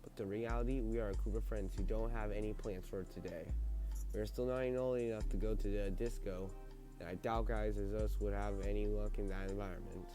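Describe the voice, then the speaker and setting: A man narrating a visual novel as he plays, reading haltingly, with stumbles and self-corrections. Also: fairly low pitch, steady tone, over music. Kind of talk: narrated read-through with character dialogue.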